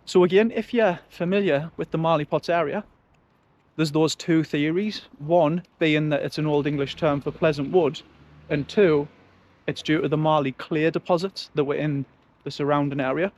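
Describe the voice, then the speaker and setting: A man's voice: on the high side, fairly even intonation, moderate pace, a little mellow, highs cut off. A man with a Sunderland accent giving a casual, chatty walking-tour commentary in colloquial dialect. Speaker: local-history vlogger. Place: outdoors, walking along residential streets. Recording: outdoor street and traffic noise.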